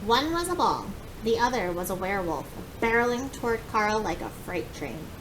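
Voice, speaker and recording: A woman reads a children's book aloud in an animated, expressive way at a moderate pace, acting out the dialogue. The recording has noticeable background noise with a low rumble.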